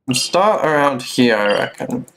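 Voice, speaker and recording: Playing at home in a small room with game music running, a young streamer narrates his gameplay to himself in a teasing, mock-courteous tone. He sounds very animated yet unhurried, with a medium-pitched, slightly bright voice, though the audio is poor.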